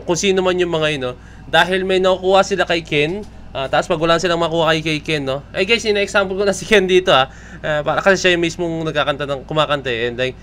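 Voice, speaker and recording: A man's voice: a little high, fairly bright tone, a little hiss or hum. A young man with a Filipino accent giving chatty reaction commentary on a music video, often tagging his lines with a question. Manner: chatty, mixes Tagalog and English, keeps asking "no?". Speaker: reaction vlogger.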